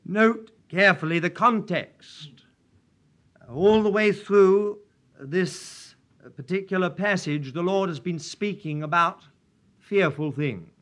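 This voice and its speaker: Slow, solemn preacher at a pulpit microphone. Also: male voice, high-pitched, a bit bright. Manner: solemn and measured, old-fashioned prayer wording. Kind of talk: sermon with prayer and scripture reading. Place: church.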